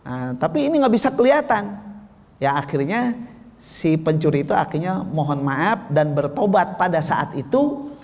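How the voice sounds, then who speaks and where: A man's voice: a little high, normal speed. A man preaching a religious lecture, telling stories and asking the audience questions. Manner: lively, asks the audience questions. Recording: long hall reverb.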